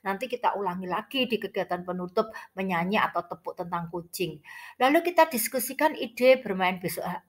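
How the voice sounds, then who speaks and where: A woman's voice: mid-range voice, expressive, brisk. A woman with a Javanese accent gives an informal, chatty tutorial for teachers, her speech slightly muddled by a toothache. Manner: chatty, explanatory, addressing listeners directly. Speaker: early childhood teacher giving an online tutorial. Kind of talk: informal instructional explanation for teachers.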